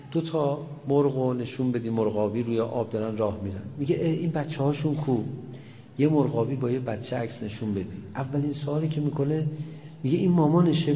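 A man's voice: on the low side, gravelly, in a large hall, dull audio, slight background noise. A man giving a religious lecture in a conversational way, full of rhetorical questions and acted-out dialogue. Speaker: preacher.

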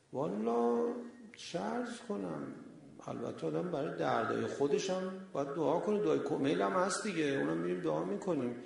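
A man's voice: medium pitch, gravelly, a little mellow, roomy sound. A man preaching a religious sermon with passion, firing off rhetorical questions at his listeners. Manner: impassioned, full of rhetorical questions.

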